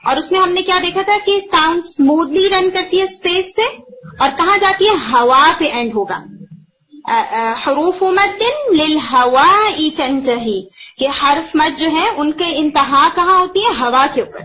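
A woman tajweed teacher explaining recitation rules in a code-mixed style and slowly chanting example phrases. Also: very high voice, sharp tone, muffled recording, a little hiss or hum. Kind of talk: online Quran recitation lesson.

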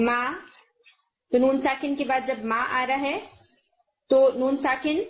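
A woman teacher giving a recorded lesson on recitation rules, explaining patiently step by step and slowing down to demonstrate each sound. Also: high voice. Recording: muffled lo-fi recording.

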